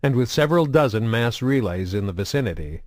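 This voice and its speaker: A man narrating a science fiction novel in a steady, measured reading style. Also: mid-range voice, no room sound, clean studio sound. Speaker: audiobook narrator. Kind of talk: audiobook narration.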